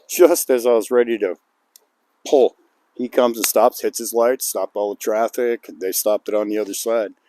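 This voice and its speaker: An older man telling a rambling outdoor story to the camera in a folksy way, chuckling between lines, recorded outside on a calm, cold day. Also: on the low side, moderate pace, a little hiss or hum. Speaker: outdoor vlogger.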